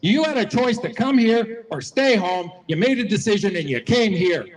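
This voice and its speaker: Guy with a high voice telling folksy stories at a rally, long echo off the square. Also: expressive, normal speed. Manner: folksy, repetitive, storytelling. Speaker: rally speaker. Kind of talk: motivational speech to a crowd. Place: outdoor public square rally.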